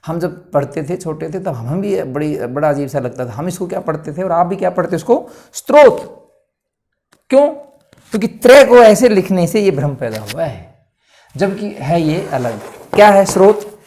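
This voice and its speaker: A man teaching a lesson, putting questions to the class and answering them himself, slowing down to spell out each letter. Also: on the high side, animated, darkish tone. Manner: emphatic, asks and answers his own questions, slows to spell out letters. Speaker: Hindi teacher. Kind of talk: explanatory lecture.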